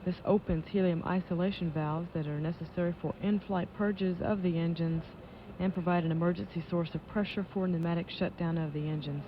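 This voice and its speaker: A woman giving live launch control commentary as an official announcer, in a measured, matter-of-fact way. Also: on the low side, steady tone. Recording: dull lo-fi broadcast audio with noise.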